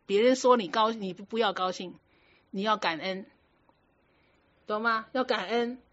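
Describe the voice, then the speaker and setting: In a mid-range, fairly bright voice, speaking a little slowly, a Buddhist teacher delivers a dharma talk. Firm and instructive, she stays conversational and checks her students with rhetorical questions. The recording is lo-fi and muffled.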